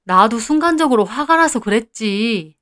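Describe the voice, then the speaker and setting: A woman's voice: a little high, expressive, normal speed, a bit bright. A woman voicing a jealous, moody young man who is the narrator's fiancé, curt and sulky, in read-aloud story dialogue. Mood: coaxing.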